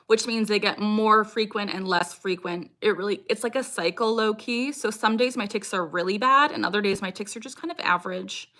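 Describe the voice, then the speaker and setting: A young female content creator hosts a casual livestream Q&A, answering viewer comments in an informal, frank way. Her bright, crisp-edged voice sits at middle pitch, and sudden repeated vocal tics keep interrupting her talk.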